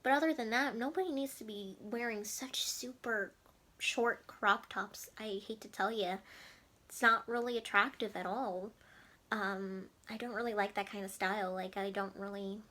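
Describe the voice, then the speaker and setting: A young woman in her twenties talks casually to her viewers, rambling and restarting her sentences with frequent fillers. Her voice is bright and forward, sitting at an ordinary pitch for a woman. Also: steady tone, normal speed. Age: 20s. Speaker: vlogger. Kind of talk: casual chat to camera.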